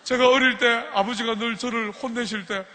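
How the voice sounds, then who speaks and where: A man from Busan, preaching a sermon at a student retreat and telling stories with animated acted-out dialogue. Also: very high-pitched, normal speed. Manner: animated storytelling, acts out dialogue. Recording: reverberant hall.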